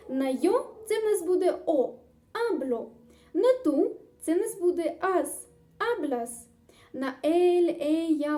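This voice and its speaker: Woman teaching grammar, high voice but soft and mellow, upbeat, walks you thru it step by step. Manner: upbeat, encouraging, explains step by step. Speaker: Spanish tutor. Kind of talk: grammar lesson.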